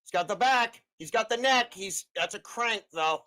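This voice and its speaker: An excitable man hosts a live fight stream, calling the action and his bets as they happen. His voice sits a bit high for a man, and he cheers the fighters on as the fight unfolds. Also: normal speed. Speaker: livestream host. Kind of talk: live fight betting commentary.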